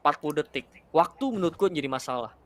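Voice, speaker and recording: An esports caster with an Indonesian accent gives excited play-by-play like a fighting game announcer, slangy and sprinkled with English gaming terms. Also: mid-range voice, quick pace, slight background noise. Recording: game gunfire and clicks behind voice. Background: gunfire and clicks from game.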